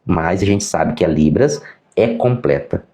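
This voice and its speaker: Brazilian male teacher, mellow tone, animated pitch, casual storytelling lesson, acts out dialogue. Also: a little slow. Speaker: sign language teacher and interpreter.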